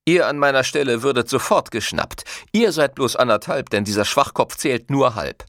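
A man's voice: medium pitch, lively intonation, normal speed, fairly bright tone, no echo, studio quality. A man reading a story aloud, voicing a scrawny young male swindler who snaps orders harshly. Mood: harsh, commanding. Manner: harsh, snapping.

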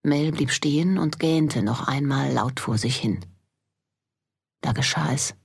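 Woman, audiobook narrator, deep voice, husky, measured storytelling. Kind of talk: scripted narration.

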